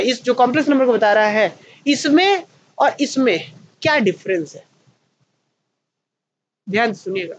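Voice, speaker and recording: A man with an Indian accent teaching a maths class, asking questions and answering them himself and slowing down to dictate notes. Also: high voice, lo-fi sound. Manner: slows right down to dictate notes. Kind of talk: online maths lecture at a whiteboard.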